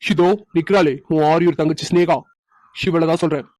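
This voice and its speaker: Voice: medium pitch, steady tone, a little fast, darkish tone, no echo, natural voice. A performer voicing a playful young husband in a cartoon who teases his wife with chuckles. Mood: teasing. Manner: teasing, chuckling. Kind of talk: cartoon voice acting.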